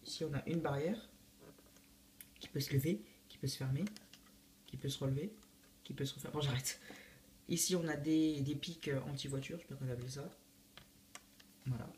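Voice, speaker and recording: A teenage boy presenting his Lego build for his channel in a casual, halting way, often restarting his sentences. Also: a little high, fairly even intonation, darkish tone, a little hiss or hum. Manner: hesitant, many fillers and restarts. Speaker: YouTube host showing a Lego build. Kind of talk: casual video walkthrough.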